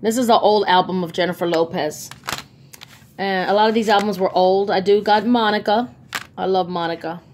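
A woman vlogger, speaking at a moderate pace in a medium-pitched voice with fairly even intonation, chattily shows her bargain buys on camera. She's enthusiastic and full of ums, filming on a handheld phone off camera, with slight background noise.

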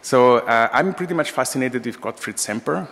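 With an expressive, moderately paced, mid-range voice that is a bit bright and shows vocal fry, a Vienna-raised Austrian man in his forties lectures on architecture. He stands at a lectern in a large room, speaking informally and hesitantly, recorded through a gooseneck mic in a reverberant hall.

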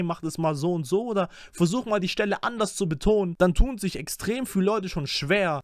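A young man talks through a track in casual, slangy reaction commentary, his voice sitting high for a man. He keeps jumping up into squeaky imitations of the lines he comments on. The sound is dry and close, with no room around it. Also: no echo. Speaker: music reaction streamer.

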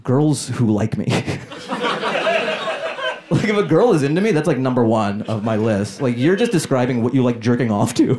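A man in his thirties doing a stand-up comedy set on a club stage with a handheld mic, animated and working the crowd. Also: medium pitch, normal speed. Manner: animated, crowd work, acts out voices. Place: comedy club stage before a laughing audience. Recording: live club recording with loud crowd laughter.

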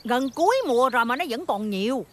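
An actress with a Southern Vietnamese accent playing a kindly, chatty middle-aged village aunt who tells stories animatedly. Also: female voice, fairly high pitch, animated, fast talker, natural voice. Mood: chatty warm.

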